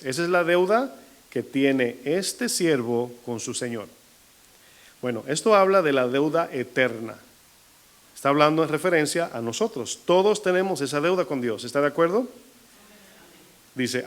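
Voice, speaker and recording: Man preaching with rhetorical questions. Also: a little high. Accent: Latin American Spanish. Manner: shifting pace, slowing to stress figures. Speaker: pastor. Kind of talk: sermon.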